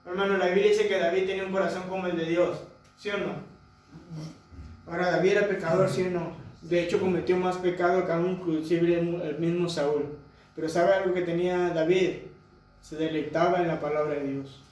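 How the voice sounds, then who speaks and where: Heard from far off in an echoey church hall, a pastor preaches a sermon to his congregation, asking them rhetorical questions. His voice is high and darkish in tone, with a flat, brisk delivery.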